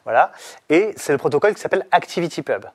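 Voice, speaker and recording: A man's voice: on the high side, expressive, fast talker. A middle-aged man, an interview guest, explaining in casual chat, rambling with many fillers and restarts.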